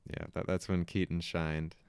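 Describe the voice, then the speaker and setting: A man's voice: low voice, flat delivery, normal speed, gravelly, darkish tone, clear, resonant tone, no echo. A man co-hosting a casual movie review chat, laid-back with dry jokes. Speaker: podcast co-host.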